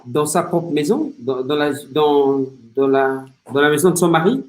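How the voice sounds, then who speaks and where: A man answering a teacher's question as a student, with a voice a little on the high side. He hesitates and restarts his phrases as he works out the answer. He sounds distant, in a roomy, echoey space. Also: animated, moderate pace. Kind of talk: answering in class.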